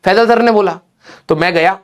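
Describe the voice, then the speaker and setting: Joking male teacher with a high voice. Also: moderate pace. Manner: joking, chatty, mixing in English phrases. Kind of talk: casual storytelling in an online class.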